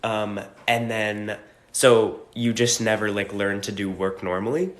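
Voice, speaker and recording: A man talking casually to camera, relaxed and full of fillers. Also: lowish voice, a little slow.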